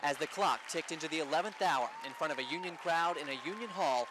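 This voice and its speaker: A man's voice: fairly high pitch, quick pace, a crowd in the background, noisy background. An American man narrating a scripted television news report as a reporter.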